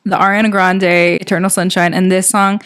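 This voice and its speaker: A young woman co-hosting a podcast in casual chat, expressive and full of "like" fillers. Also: on the low side, fairly quick, clear, resonant tone. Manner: expressive, reaction-based, lots of "like" fillers. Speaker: podcast co-host.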